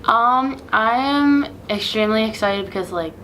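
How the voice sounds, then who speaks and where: A woman's voice: on the high side, normal speed, noisy background. A young woman talking casually to camera as a new sorority member, in a bubbly, gushing sorority-girl manner. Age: young adult.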